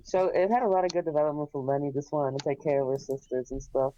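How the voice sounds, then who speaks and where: A man with a slightly high voice talks bluntly and offhandedly. His audio sounds dull and lo-fi, as if from a cheap mic. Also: fast, dark tone, slight background noise. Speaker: podcast co-host. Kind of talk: casual podcast chat.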